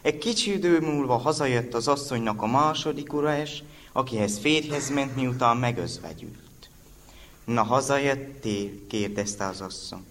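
A man of middle pitch tells a folk tale with a very lively, swooping delivery. His voice jumps up for the characters' lines. A faint hiss sits under the recording. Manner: very expressive, rises sharply for quoted characters. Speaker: storyteller.

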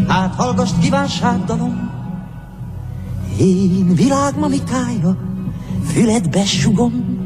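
A man playing an old, toothless female washroom attendant who is eerily motherly, crooning a slow, hypnotic, confiding monologue in a radio play. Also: very high-pitched. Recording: loud music behind the voice.

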